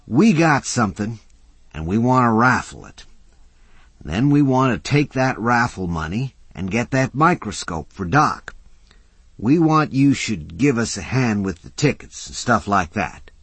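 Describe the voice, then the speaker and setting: A scrappy drifter coaxing a deal in a husky, folksy drawl, put on by a male audiobook reader. The voice sits higher than the reader's own and swings up and down with energy. The sound is close and dry. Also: big pitch swings, a little slow, fairly bright tone, no room sound, full character voice. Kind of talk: audiobook character voice.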